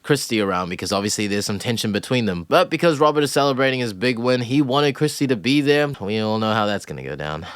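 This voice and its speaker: A man's voice: on the low side, expressive, fast, hardly any pauses, clean tone. A man casually commenting on a reality show, blunt, swearing and laughing. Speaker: reaction video host.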